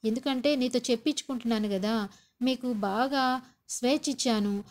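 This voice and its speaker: A woman's voice: on the high side, normal speed, lightly acted. A woman voicing a stern, angry older father-in-law who scolds his family in a retold TV serial. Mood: scolding. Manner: scolding, lecturing.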